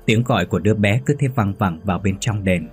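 A man narrating a horror story in a measured, ominous reading. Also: lowish voice. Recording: faint background music.

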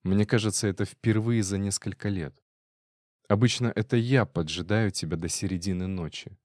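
A man with a low voice reading the lines of a cool, defiant actress wife in an audiobook, in a calm, cold tone. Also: moderate pace, no room sound, studio quality, lightly acted. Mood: calm scornful. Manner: cold, calm, then sharp.

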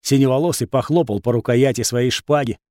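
A man's voice: mid-range voice, brisk, darkish tone, no room sound, studio quality. A man narrating a first-person fantasy audiobook in a wry, ironic tone.

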